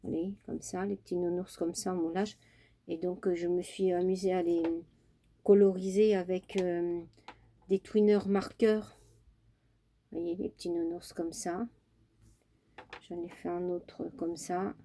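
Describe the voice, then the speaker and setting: Chatty woman with a mellow voice. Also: fairly low pitch, flat delivery, measured pace, long pauses, slight background noise. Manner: chatty and homely, with many "hein" and "euh" fillers. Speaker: craft vlogger. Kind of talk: casual crafting tutorial chat.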